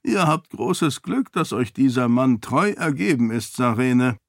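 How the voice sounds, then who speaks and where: A wry old duke, as a male narrator puts him on, drawling his words with amused slyness in a higher, lifted voice. The storybook reading sounds close and dry, with no room around it. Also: animated, no echo. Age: older. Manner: slow, teasing, drawn-out speech.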